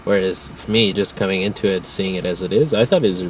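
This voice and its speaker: An easygoing man leads a casual film chat and teases his co-host along the way. His voice is fairly low, and a faint background noise sits under it. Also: brisk, far from the mic, rough recording. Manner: easygoing, teasing. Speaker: movie reviewer, asks questions.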